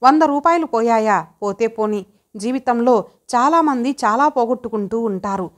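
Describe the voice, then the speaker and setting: A woman's voice: a little high, lively intonation, normal speed, lightly acted. A woman voicing a stern, bitter, bedridden husband in an audio story, speaking in harsh, accusing questions. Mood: tender.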